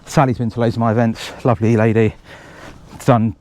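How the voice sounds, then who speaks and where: A man's voice: mid-range voice, level tone, a little fast, darkish tone. A man organising a race, chatting casually and out of breath as he runs a forest trail, rambling with jokey asides. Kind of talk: casual running commentary.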